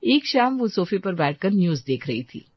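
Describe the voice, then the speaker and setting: A woman narrating a scripted cartoon story in a calm storytelling manner. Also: medium pitch, moderate pace, slightly rough. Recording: dry, slightly dull lo-fi sound.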